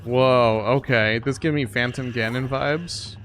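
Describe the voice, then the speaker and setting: A woman's voice: extremely low pitch, fairly even intonation, measured pace, a little hiss or hum. A woman playing a video game and co-hosting with casual, reactive commentary. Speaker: gaming co-host and player. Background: game music.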